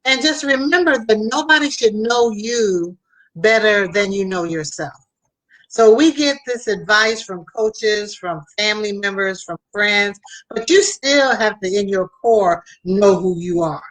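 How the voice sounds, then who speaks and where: A woman's voice: mid-range voice, measured pace, a bit bright, rough recording. Female host, conversational motivational talk, emphatic and advising, speaks straight to the listener.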